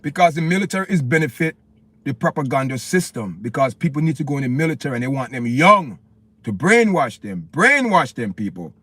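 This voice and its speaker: A medium-pitched, pushed and bright voice with a breathy edge and lively intonation comes from a Jamaican man speaking a little fast, with no room sound. He hosts a livestream in a Jamaican accent, preaching passionately to "people" watching and repeating himself in an opinionated rant.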